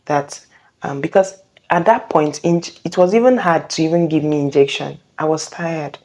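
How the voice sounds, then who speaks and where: A young woman telling a personal testimony in a casual way. She speaks earnestly and haltingly, often pausing and correcting herself. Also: low-pitched, darkish tone. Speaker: vlogger sharing a personal testimony.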